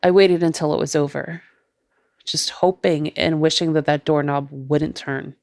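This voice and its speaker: A woman podcast host narrating her own ghost story in a measured, deliberate way. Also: sits low, level tone, a little mellow, dry recording, clean studio sound.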